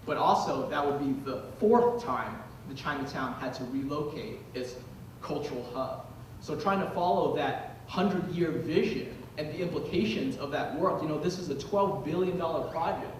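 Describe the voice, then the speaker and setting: A man speaking as a panel speaker at a symposium, explaining in a thoughtful, measured way. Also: fairly high pitch, a little hiss or hum. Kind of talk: symposium talk. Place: lecture hall. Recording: echoey hall, distant mic.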